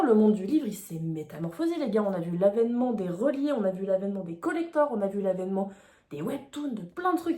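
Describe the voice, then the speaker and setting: A woman's voice: mid-range voice, mellow. A young woman in her twenties chatting enthusiastically about her reading in a casual vlog, filmed at home on a phone. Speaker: book vlogger. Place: home, indoors. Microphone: phone mic. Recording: echoey room on phone mic.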